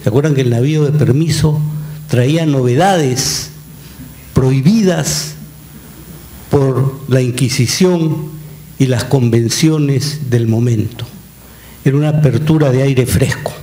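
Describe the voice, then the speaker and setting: A man speaking as a panelist at an academic conference, slow, deliberate and formal. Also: mid-range voice, mellow, roomy sound, a little hiss or hum.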